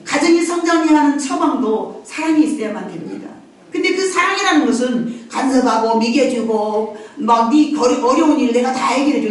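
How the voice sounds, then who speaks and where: A woman preaching a sermon in a conversational way, acting out family voices and laughing often. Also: high-pitched. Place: church sanctuary. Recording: echoey church hall from far off.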